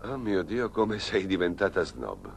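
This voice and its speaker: A man voicing a calm, reasoning father who gently cautions his daughter, in a dubbed telenovela. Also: low-pitched, unhurried, creaky, a little hiss or hum, exaggerated voice. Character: patient, worried middle-aged father.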